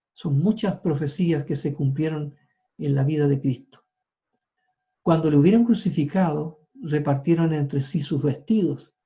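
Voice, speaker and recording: A man's voice: a little high, dark tone. A man preaching a sermon, retelling scripture with informal asides and small restarts. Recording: dull lo-fi sound.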